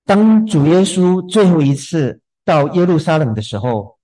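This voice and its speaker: Soft-spoken guy preaching, husky mellow voice, stutters a bit on restarts. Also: on the high side, very animated, moderate pace, poor audio. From southern China. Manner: gentle, repeats words when starting a thought. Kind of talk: sermon.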